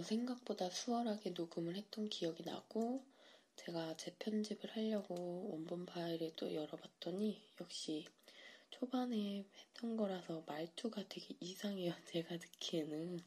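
A woman hosting an ASMR podcast, introducing it in a soft, hushed voice that often slips into a whisper. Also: fairly low pitch, slightly rough. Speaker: ASMR creator and host.

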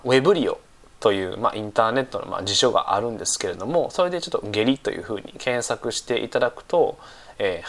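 A man teaching English in a casual lesson, slightly stuffy-nosed from a cold, speaking unhurriedly with many fillers and repeating phrases slowly. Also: mid-range voice, a bit bright.

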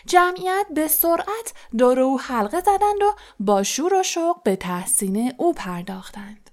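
A woman narrating an audiobook in a soft, breathy delivery. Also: sits high, sing-song.

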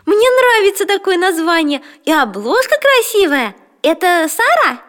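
A woman's voice: extremely high pitch, sing-song, measured pace, a bit bright, long reverb tail, exaggerated voice. A woman playing a curious, chatty little girl who dreams of being a princess. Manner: eager, chatty, questioning.

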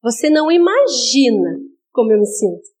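Woman preacher with a high voice, earnest sermon delivery, direct address, slips into quoted voices of listeners. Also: very animated, normal speed, darkish tone. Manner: acts out listeners' words in quoted asides.

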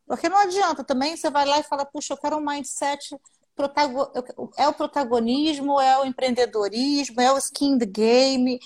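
A woman with a Brazilian Portuguese accent, a guest business consultant speaking animatedly in a casual live-stream interview, often tagging her sentences with questioning asides. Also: high-pitched.

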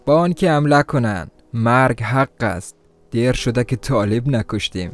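A man voicing a gruff, fearless veteran soldier with an Afghan Dari accent who speaks in a slow, mocking drawl. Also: mid-range voice, close to an everyday voice. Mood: grim.

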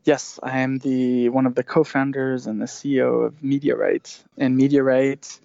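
A man's voice: mid-range voice, level tone, moderate pace, gravelly, dark tone, no room sound. A man in his thirties from Switzerland, a startup founder talking as a guest on a remote call, hesitant, with many fillers and restarts. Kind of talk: casual interview. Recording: dry, dull lo-fi remote audio.

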